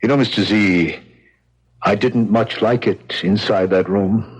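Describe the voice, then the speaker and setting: Husky, blunt prison guard. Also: male voice, on the low side, a little slow. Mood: uneasy, matter-of-fact. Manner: terse, clipped replies. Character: blunt, matter-of-fact male prison guard, faintly uneasy. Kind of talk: 1970s radio drama acting. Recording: dull, muffled old radio recording.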